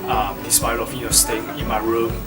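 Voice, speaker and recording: A man's voice: lowish voice, little pitch movement, a little fast. A man with a Japanese accent answering as a student in a casual interview, speaking hesitantly and often rephrasing himself. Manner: hesitant, repeats and rephrases phrases. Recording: distant mic, loud music behind.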